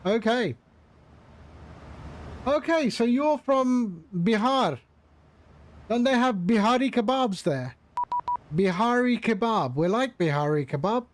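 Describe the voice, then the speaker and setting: A man's voice: extremely high pitch, animated, slow pace, long pauses, a little hiss or hum. A man streaming a flight simulator, chatting casually with his viewers, joking and laughing often. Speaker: flight sim livestreamer.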